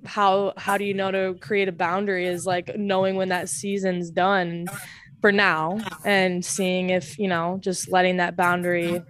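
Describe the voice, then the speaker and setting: A woman's voice: on the low side, flat delivery, measured pace, a little hiss or hum. A woman hosting a podcast in a casual, rambling chat with many fillers and easy laughter. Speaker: podcast host.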